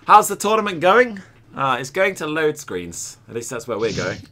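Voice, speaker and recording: Brief: Scottish male streamer-commentator, bright bouncy delivery, cheeky and profane. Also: on the high side, big pitch swings, moderate pace. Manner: joking, swearing, chatting to viewers between play-by-play. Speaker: game streamer and tournament commentator.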